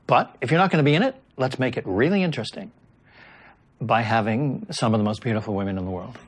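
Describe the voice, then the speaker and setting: A man's voice: medium pitch, fast talker. A man interviewed as a broadcaster, speaking emphatically with some restarts. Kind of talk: interview commentary.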